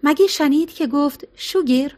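Woman, audiobook narrator, high voice, steady storytelling. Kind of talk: scripted narration of a novel.

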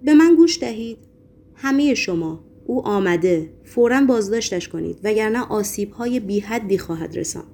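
A woman voicing a distraught male poet who shouts with trembling urgency in an audiobook. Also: mid-range voice, animated. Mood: frantic shouting. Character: distraught barefoot male poet, frantic and wild.

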